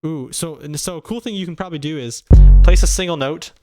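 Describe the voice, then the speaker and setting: Young male tutorial host, slightly high voice, loud beats behind him. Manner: upbeat, quick, hums drum patterns aloud. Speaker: beat-making tutorial host. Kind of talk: casual beat-making tutorial. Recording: loud music playing under the voice. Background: beats playing from the production software.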